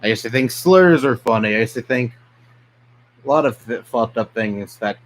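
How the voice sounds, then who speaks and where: A man's voice: medium pitch, expressive, normal speed, low-quality recording. A young man from New York City, a streamer ranting bluntly and profanely in casual live-stream chat. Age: young adult.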